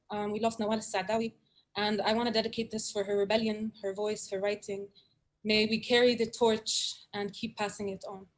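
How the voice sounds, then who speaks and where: A woman from Syria, a poet, talking over a video call and then reading spoken word poetry in an earnest, measured way with dramatic repetition. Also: on the high side.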